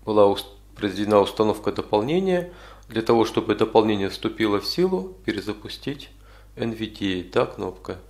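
A man instructing in an informal software walkthrough, explaining step by step with some hesitant pauses. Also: lowish voice, sing-song, creaky. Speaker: tutorial instructor.

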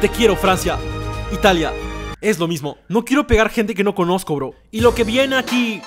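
A man's voice: high-pitched, expressive, moderate pace, loud music behind the voice. Hyper sarcastic young streamer guy. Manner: hyper, sarcastic, swears a lot, says "bro". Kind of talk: comedic vlog. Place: small streaming room indoors. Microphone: desk boom mic.

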